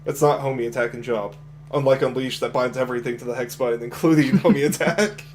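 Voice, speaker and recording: A deep-voiced man commentates live on his own speedrun, relaxed and chatty, explaining techniques as he plays and often trailing off to restart sentences. He speaks fast, with game music behind him and a slight hiss or hum on the recording.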